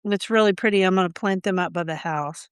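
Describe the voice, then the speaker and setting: A woman from Oklahoma co-hosting a gardening podcast, chatting casually and telling quick stories with asides. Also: medium pitch, clean tone, dry recording. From Oklahoma, USA. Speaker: podcast co-host. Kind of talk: casual chat.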